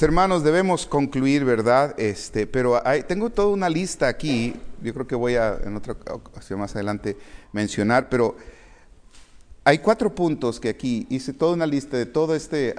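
A man preaching a sermon, reading scripture and swinging between loud emphasis and quiet, low quotes.

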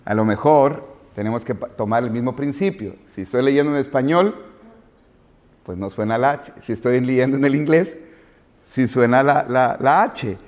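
A man's voice: medium pitch, a little slow, long pauses, darkish tone. A man preaching as a pastor, chatty and teasing, stopping to quiz the congregation. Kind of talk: sermon with asides to the congregation. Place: church.

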